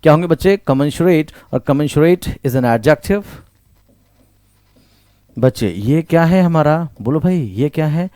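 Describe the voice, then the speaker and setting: A man's voice: fairly high pitch, animated, unhurried, a little mellow, no echo, clean studio sound. A man with an Indian English accent teaching vocabulary, repeating each word and quizzing the listener, mixing Hindi with English phrases. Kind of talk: online vocabulary lesson.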